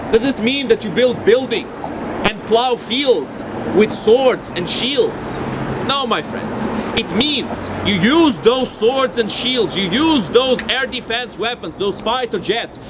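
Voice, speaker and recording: A man's voice: very high voice, animated, takes it slowly. A man giving an impassioned, declamatory speech at an outdoor rally. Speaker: rally speaker. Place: outdoors on a city street. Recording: street noise outdoors.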